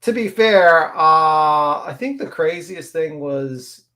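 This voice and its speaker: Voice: medium pitch, expressive, takes it slowly, bright, forceful tone. A speaker talking through a voice changer that makes them sound like a man, chatting casually and candidly on a livestream call, rambling and swearing now and then.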